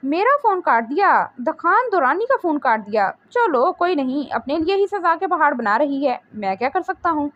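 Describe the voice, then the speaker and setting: A woman's voice: high voice, very animated, moderate pace, hardly any pauses, fairly bright tone, dry recording, lo-fi sound. Woman reading as a smug flirtatious boss. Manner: teasing, mocking.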